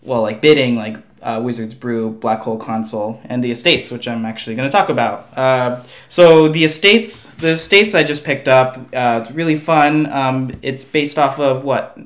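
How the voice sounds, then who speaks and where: A man's voice: medium pitch, normal speed. A man chatting casually as a podcast guest in a hesitant, rambling way. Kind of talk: casual chat about board games.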